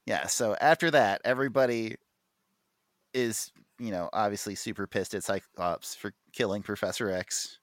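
A man's voice: on the low side, normal speed, no echo, clean studio sound. A man co-hosting a podcast, chatting casually and enthusiastically, full of fillers and restarts. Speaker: podcast co-host. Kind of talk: casual comic book chat.

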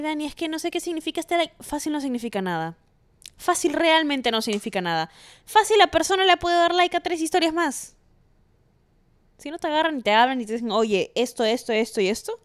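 A young woman talks into a close microphone in a dry, deadened space. Her voice sits high and swings widely in pitch as she gives blunt, affectionate advice. She sounds sassy and playfully dramatic. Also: no echo. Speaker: podcast host. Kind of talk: casual advice monologue.

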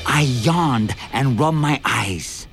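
A man narrates a story in the first person, his pitch rising and falling lively as he tells the chase. Soft music plays faintly underneath the reading. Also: slow, creaky. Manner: vivid, expressive storytelling. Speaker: narrator and lead actor.

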